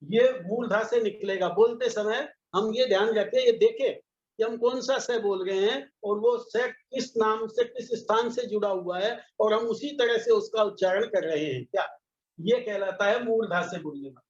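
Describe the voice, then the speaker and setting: A man teaching a patient pronunciation lesson, sounding out each syllable slowly. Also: high-pitched. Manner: slow, patient, demonstrates each sound aloud. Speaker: Sanskrit teacher. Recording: echoey, slightly dull recording.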